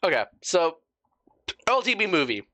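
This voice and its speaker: A young man talks through old videos in a bright, forward voice with a lively, swooping pitch. He swears without a second thought and laughs at his younger self. The sound is close and dry. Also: normal speed, no echo. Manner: swears freely, laughs at himself. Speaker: YouTuber. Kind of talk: reaction commentary.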